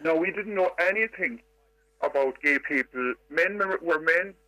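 Older irish lady caller, voice run through a disguise filter, sharp bright tone, dry, slow thoughtful telling. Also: animated, no room sound. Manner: measured, reflective storytelling with hesitations. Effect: disguised, pitch-altered voice distortion. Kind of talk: phone-in radio call.

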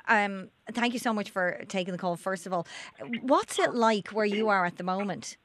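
A woman hosting a radio interview in a studio, calm and measured. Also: mid-range voice, slight background noise. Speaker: radio host.

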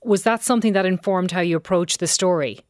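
A woman's voice: fairly low pitch, quick pace, a little mellow, no room sound, studio quality. A woman interviewing in a conversational, reflective way, feeling her way through her questions.

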